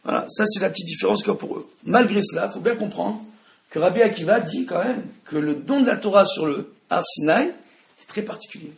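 Loud, gravelly-voiced man teaching. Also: high voice, expressive, brisk. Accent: Tunisian French. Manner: loud, emphatic, asks the audience questions. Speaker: Torah teacher. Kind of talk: religious study lesson. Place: room with an audience. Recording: echoey room.

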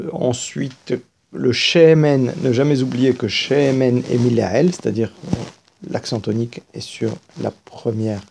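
A man giving a patient lesson on reading Hebrew scripture, explaining grammar and chanting verses in a drawn-out sing-song. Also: medium pitch, creaky, a little mellow, a little hiss or hum. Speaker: teacher of Torah reading.

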